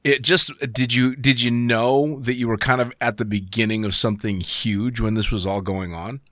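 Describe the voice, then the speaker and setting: A man's voice: medium pitch, fairly even intonation, normal speed, fairly bright tone, no room sound, clean studio sound. A man hosting a podcast, interviewing casually with rambling, wordy lead-ins to his questions. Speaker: podcast host.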